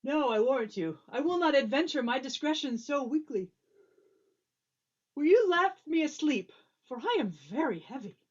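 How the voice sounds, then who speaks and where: A woman's voice: high-pitched, expressive, moderate pace. A woman playing an earnest, long-winded, optimistic old courtier in a Shakespearean drama, on slightly dull audio. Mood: mildly reproving. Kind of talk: Shakespearean stage drama performance.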